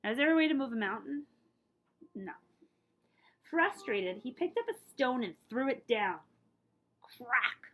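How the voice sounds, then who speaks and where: Her voice sits high and she takes her time, leaving long pauses as she reads a picture book aloud the way a librarian would. The delivery is expressive, with dramatic stress on key words and explanatory asides.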